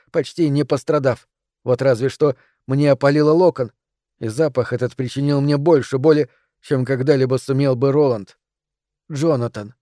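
A man narrates an audiobook in a measured, dramatic reading with a somewhat high voice. The sound is dry and close on a studio mic. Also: mellow, no echo. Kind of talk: scripted narration.

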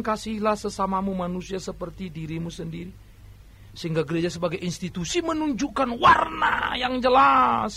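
A male preacher delivers a sermon in a very high, bright, piercing voice. He preaches emphatically, rising to forceful exhortation and then dropping into quieter asides. He speaks to his listeners directly as brothers and sisters. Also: creaky, husky.

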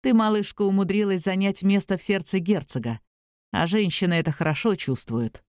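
A woman's voice: medium pitch, brisk, a little mellow, no room sound, studio quality, natural voice. A woman voicing a friendly, teasing young male werewolf in an audiobook, speaking easily and affectionately. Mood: fond. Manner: easygoing, affectionate, calls her little one.

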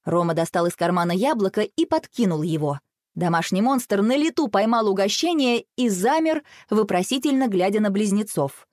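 A woman narrating a children's audiobook in an expressive storytelling manner. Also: medium pitch, normal speed, no echo, studio quality.

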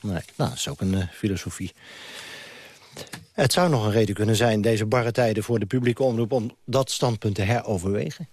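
A man's voice: on the low side, fairly quick, a little mellow, no echo. Probing male radio host, dry studio sound. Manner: probing, lightly teasing. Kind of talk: live radio interview and studio chat.

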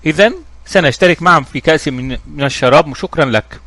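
A man's voice: on the high side, fast talker, pushed and bright, dry recording. A man voicing a courteous male lawyer speaking on the phone in a story reading.

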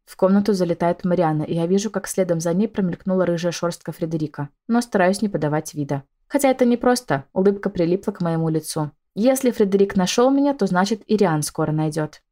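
A woman's voice: on the low side, quick pace, hardly any pauses, warm tone. Woman narrating an audiobook. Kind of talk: first-person scripted narration.

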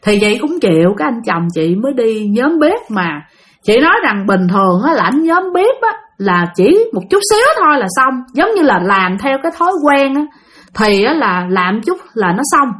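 Woman narrator; fairly high, animated delivery, speaks directly to the audience. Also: moderate pace. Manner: animated, talks straight to listeners. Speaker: storyteller. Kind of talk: storytelling a spooky real-life tale.

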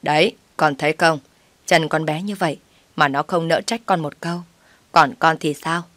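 A woman's voice: deep voice, steady tone, normal speed, fairly bright tone, no room sound. A woman voicing a meddling older mother-in-law who scolds and pushes in a told story. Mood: persuading. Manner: scolding, pushy.

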